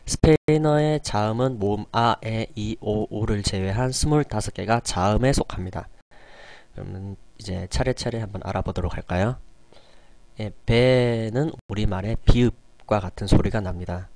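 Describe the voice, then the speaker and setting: A man with a fairly low voice teaches in a recorded online lesson. He explains patiently, step by step, and often opens with a soft "yes" before slowly sounding out example words. The recording is dry and close, with little room sound. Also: dry recording. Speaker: Spanish teacher.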